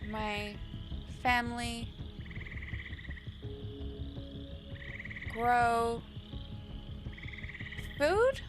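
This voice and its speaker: A woman voicing a timid young girl in tabletop role-play, small, squeaky and breathy, halting and delicate like a pixie. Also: lively intonation. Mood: confused, faltering. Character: timid young girl with a hazy, dreamy memory. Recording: music playing behind the voice.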